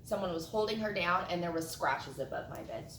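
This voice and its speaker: A woman's voice: fairly low pitch, fairly quick, vocal fry. Woman telling a story, heard from across an echoey room. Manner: animated, swears freely, acts out quotes. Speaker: friend at a hot sauce tasting. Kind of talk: casual storytelling among friends. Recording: roomy sound from a distant mic with faint noise.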